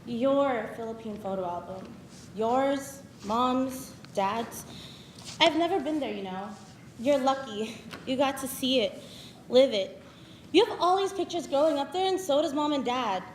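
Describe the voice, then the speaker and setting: A young woman playing a sarcastic teenage younger sister with wry, quick comebacks in a campus stage play. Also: high voice, animated, reverberant, a little hiss or hum, low-quality recording. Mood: wistful. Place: live stage in a hall.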